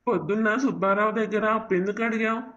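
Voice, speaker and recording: A man's voice: sits high, steady tone, very fast, a bit bright, dull audio. A man voicing an earnest, worried younger brother in a cartoon family drama, asking question after question. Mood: concerned.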